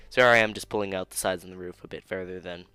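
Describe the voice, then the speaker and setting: A man's voice: low voice, pushed and bright, clear, resonant tone. A young man casually narrating his own 3D modeling build, laid-back and self-deprecating, chuckling now and then and sounding tired of rerecording. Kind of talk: casual screen-recorded commentary.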